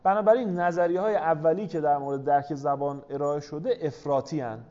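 Male lecturer teaching a class with rhetorical questions, slightly high voice, dull lo-fi recording. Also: fairly even intonation, mellow.

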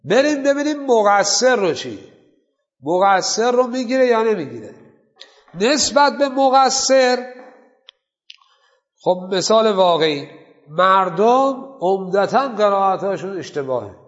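A man's voice: high voice, big pitch swings, long pauses, in a large hall, dull audio. A man teaching a seminary class on jurisprudence. He asks his students questions and then answers them himself. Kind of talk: Islamic jurisprudence class lecture.

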